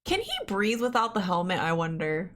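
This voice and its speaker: A young woman hosting a movie reaction, chatting casually with giggles and excited exclamations. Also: fairly low pitch, moderate pace. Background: film audio.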